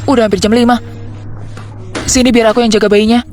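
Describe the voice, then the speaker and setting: A woman's voice: fairly high pitch, flat delivery, fast talker, a little mellow, close to an everyday voice. A woman voicing a fussy, sweet-talking middle-aged mother-in-law and grandmother in a dubbed drama, chatting casually. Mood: chatty. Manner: chatty, fussing.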